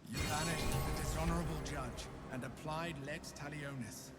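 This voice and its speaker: A man's voice: a little high, moderate pace, natural voice. A man voicing a solemn figure who passes judgment in a video game, declaiming formally. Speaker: game narrator. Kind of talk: scripted narration. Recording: echoey long reverb with loud music.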